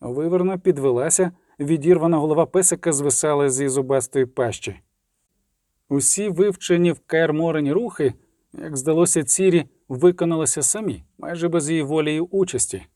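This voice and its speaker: Man with a warm, mellow reading voice. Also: fairly high pitch, a little fast, dry recording, clean studio sound. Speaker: audiobook narrator. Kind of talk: scripted storybook narration.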